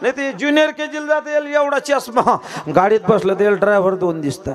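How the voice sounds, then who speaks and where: A man's voice: extremely high pitch, fairly even intonation, a little fast. A man with a Marathi accent giving a comic devotional kirtan, joking with and quizzing the audience and breaking into song. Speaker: kirtan preacher. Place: live stage before a crowd. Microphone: stage microphone. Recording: live crowd and accompanying music. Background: crowd laughter and music.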